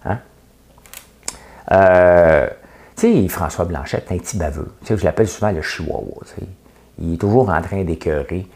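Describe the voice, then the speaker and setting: A man's voice: sits low, moderate pace, pauses often, a little mellow. A middle-aged man with a Québécois accent giving a casual, opinionated monologue as the host of his own show, joking and sarcastic, full of "tu sais". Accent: Québécois French. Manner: chatty, sarcastic, jokes at his own expense, frequent "tu sais". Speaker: host of a daily commentary show.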